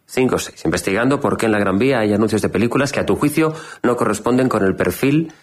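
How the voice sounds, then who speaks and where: A man's voice: lowish voice, lively intonation, quick pace. A man hosting a comedic chat, feeding his guest dry, probing questions. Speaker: host. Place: newsroom studio.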